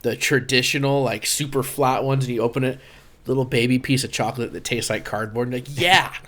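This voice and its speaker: A man's voice: mid-range voice, a bit bright. Chatty man with a mid-range voice. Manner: chatty, full of "like" and quick interjections. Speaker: podcast co-host. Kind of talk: casual chat.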